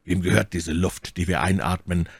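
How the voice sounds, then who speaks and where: A man's voice: low voice, vocal fry, slightly rough, no echo, clean studio sound, full character voice. A man doing a coolly grave musketeer. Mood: calm. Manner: terribly calm, measured. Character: calm, grave older male musketeer.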